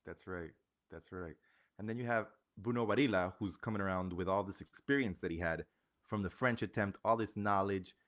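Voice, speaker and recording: A man's voice: low-pitched, brisk, a bit bright. A man co-hosting a casual livestream podcast, agreeing readily and telling stories with animation. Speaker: podcast co-host.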